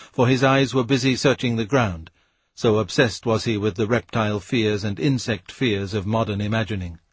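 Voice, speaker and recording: A man reading a novel aloud as an audiobook narrator, in a measured, steady way. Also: medium pitch, breathy edge, no echo. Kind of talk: scripted narration.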